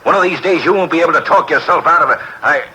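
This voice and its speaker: An actor playing a gruff, irritable police inspector, blunt and impatient, in 1950s radio crime drama style. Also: male voice, on the high side, quick pace, pushed and bright, low-quality recording. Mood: exasperated. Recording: vintage 1950s radio broadcast, faint hiss.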